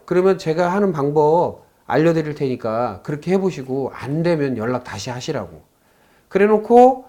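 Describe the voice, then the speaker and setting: Lively high-voiced man lecturing. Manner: acts out both sides of a phone call, asks the class questions. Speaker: saju fortune-telling lecturer. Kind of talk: lecture with a story told to students.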